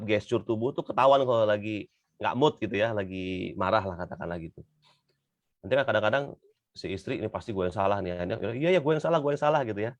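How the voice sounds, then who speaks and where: A man's voice: lowish voice, no echo, lo-fi sound. A man giving an Islamic talk to an audience in a conversational way, often tagging his sentences with small fillers. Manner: conversational, repeats "gitu ya" often. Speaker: religious motivational speaker.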